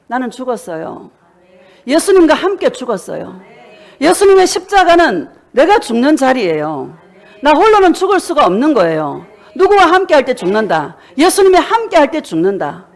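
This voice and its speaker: Lively, high-voiced woman pastor preaching. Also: normal speed, creaky. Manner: fervent, exhorting with storytelling asides. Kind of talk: sermon.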